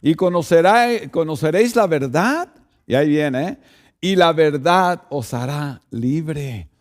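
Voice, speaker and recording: A man's voice: fairly high pitch, expressive, slow pace. A man, a pastor, preaching a sermon and speaking directly to the congregation, often checking in with rhetorical asides.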